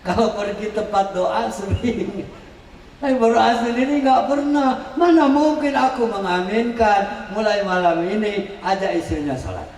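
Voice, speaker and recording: High-voiced man preaching in an echoey hall. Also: a little slow, distant mic. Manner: lively, joking, acts out quotes with sudden shouts. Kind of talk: sermon at a wedding celebration. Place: wedding celebration venue.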